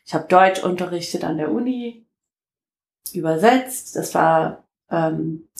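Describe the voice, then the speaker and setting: A woman in her fifties from the United States with an American accent, telling her story in a relaxed interview and pausing often to search for words. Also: lowish voice, creaky, reverberant, low-quality recording. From United States (Detroit). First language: English. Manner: halting, many fillers, laughs often. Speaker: interview guest. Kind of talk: casual interview talk.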